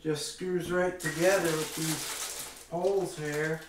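Slow and fairly even in intonation, his fairly high-pitched voice guides a hands-on product demo. The speaker is a middle-aged hobby vlogger with an informal, folksy, plain-spoken manner, working in a small room at home. Because the camera is a few metres away, the recording sounds distant and very echoey, with faint noise.

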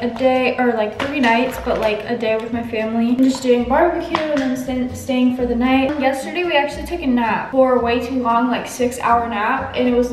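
A woman's voice: high voice, darkish tone. A young woman vlogging casually, chatty and full of "like" fillers, talking to a handheld camera. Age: young adult. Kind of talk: casual vlog chat. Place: echoey Airbnb bathroom and kitchen. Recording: echoey tiled room, faint music.

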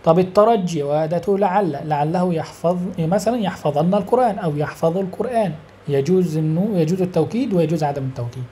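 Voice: mid-range voice, fast, dark tone, slight background noise. An Arabic grammar teacher, explaining step by step, asking questions and answering them, and stretching out example words. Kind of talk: explanatory lesson.

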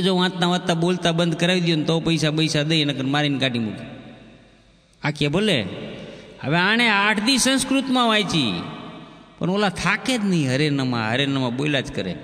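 A man's voice: high-pitched, bright, forceful tone. A man, a comedian telling folksy comic stories in a chatty way with bits of sung chanting. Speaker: stand-up comedian. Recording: long hall reverb, faint ambience.

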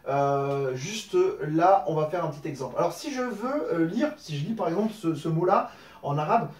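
A man teaching an online lesson, explaining patiently step by step with many pauses and fillers. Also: a little high, sing-song, echoey room, distant mic. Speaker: Arabic teacher.

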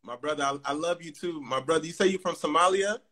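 An upbeat man in his forties chats through a livestream video call, his voice a bit higher than most men's. He talks into a phone held close in an indoor room, with quick greetings and frequent laughter. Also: bright, forceful tone. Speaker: livestream host. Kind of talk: casual video call chat. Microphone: phone at close range.

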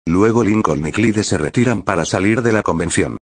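A man reading a fan-written story aloud at a flat, steady pace. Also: lowish voice, moderate pace, husky, no echo. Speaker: narrator.

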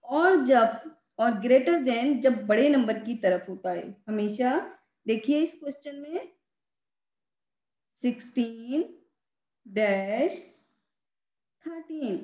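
Slow, patient woman teacher, high voice. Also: animated, a little mellow, echoey room. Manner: slow, patient explaining, repeats and stresses key words. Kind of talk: classroom math lesson.

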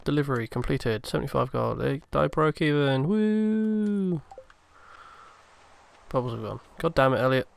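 A man's voice: mid-range voice, quick pace, vocal fry, few pauses. A man casually commenting on his own gameplay, chatty and swearing freely as he mutters along. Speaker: let's play host.

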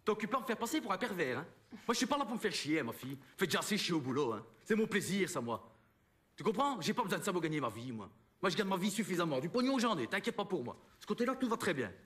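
A sleazy bossy Belgian photographer. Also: male voice, high-pitched, big pitch swings, quick pace, a bit bright. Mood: defensive. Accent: Belgian French. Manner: bossy, patronizing, tacks "hein" onto sentences. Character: sleazy pushy male glamour photographer. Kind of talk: film comedy acting.

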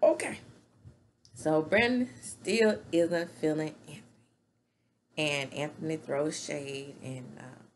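Low-pitched and slow, pausing often, a middle-aged woman chats through an opinionated recap of a reality show while gesturing with her hands. She records indoors in a small home room on a desk-distance webcam, with slight background noise.

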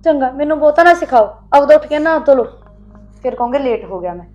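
A woman's voice: high-pitched, animated, fast talker, a little mellow, soft background music. A woman playing an aggrieved young wife who complains about her sister-in-law. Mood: indignant. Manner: complaining, indignant. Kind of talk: Punjabi family sketch acting.

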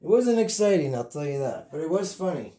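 A man in his fifties hosts a home cooking vlog, rambling casually to the camera while giggly and tipsy, goofy and sweary, and he keeps repeating himself. His voice is a little high and dark in tone, with big pitch swings and a brisk pace. He records on a phone in his kitchen, first handheld and then propped up nearby.

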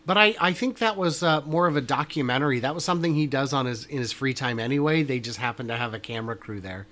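A man's voice: medium pitch, fast, fairly bright tone. A man co-hosting a casual news chat show, joking around and thinking aloud. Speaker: podcast co-host.

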